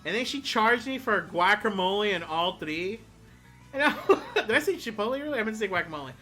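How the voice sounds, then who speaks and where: A young adult streamer chatting casually, laughing often and swearing freely while telling animated stories. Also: medium pitch, brisk, faint music behind. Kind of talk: casual chat on a live stream.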